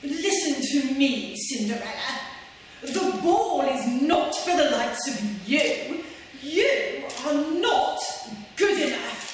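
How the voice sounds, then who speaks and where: A woman playing a wicked, snobbish pantomime stepmother, shrill, haughty and campily exaggerated. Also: lively intonation, slow. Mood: gloating, scornful. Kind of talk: theatrical stage pantomime acting. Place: staff pantomime stage in a hall. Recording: echoey hall from far off, faint noise.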